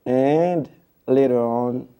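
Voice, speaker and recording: A man's voice: mid-range voice, drawn-out words, clear, resonant tone, highs cut off. A man from Haiti, a TV producer, speaking as a studio interview guest in a formal, devotional way with hesitant fillers.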